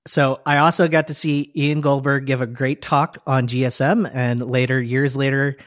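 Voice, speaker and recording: A man hosts a podcast in a relaxed, chatty way, laughing often as he looks back on old times. His voice sits at an average pitch, and the recording is dry with no room sound. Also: moderate pace, no echo. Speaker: podcast host. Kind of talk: casual podcast conversation.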